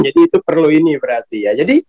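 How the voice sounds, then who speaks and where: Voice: mid-range voice, huge pitch swings, fast, a little mellow, faint music behind, low-quality recording. A speaker on a spiritual channel giving a casual talk, informal and colloquial, often laughing between points. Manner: colloquial, with many tag words at sentence ends.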